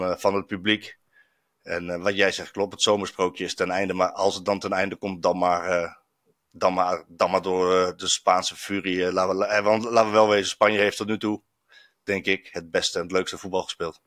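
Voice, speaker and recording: A man's voice: sits low, fairly bright tone, no echo, studio quality. A man, a football journalist reporting from abroad, chatting reflectively with many fillers and restarts. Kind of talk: casual chat. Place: in Stuttgart, on location.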